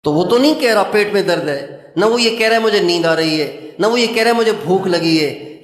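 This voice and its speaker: High-voiced older preacher in an echoing hall. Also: male voice, fairly bright tone. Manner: earnest, pleading prayer voice, slow chanted Arabic supplications. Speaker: Islamic preacher. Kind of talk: sermon. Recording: echoey hall with long reverb.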